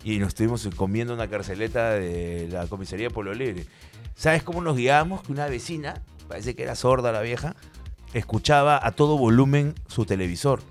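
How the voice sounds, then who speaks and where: A man with a Peruvian accent telling a comic story, animated and slangy, on a comedy podcast. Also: medium pitch, a little fast, faint music behind. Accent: Peruvian Spanish. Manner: animated, slangy, acts out voices.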